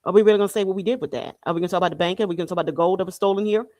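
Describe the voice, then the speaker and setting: This podcast host from Haiti speaks very fast in a mellow voice on the low side, with fairly even intonation. She gives an informal, emphatic and repetitive monologue on spiritual and political topics, full of rhetorical questions. The recording is dry and studio quality.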